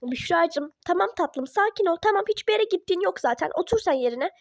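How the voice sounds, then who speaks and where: A woman voicing a polite, formal class teacher who calms an angry parent in a toy-app role-play drama. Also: extremely high pitch, brisk, dry recording. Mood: firm. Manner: formal, soothing.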